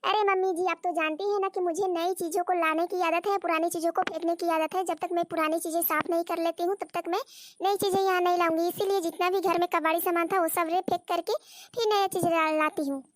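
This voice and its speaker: A woman's voice: very high voice, fairly even intonation, fast, no echo, clean studio sound. A woman voicing a stubborn, scatterbrained young daughter-in-law in a cartoon story, chatty and insistent. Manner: chatty, insistent, explaining at length. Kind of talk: Hindi cartoon story voice acting.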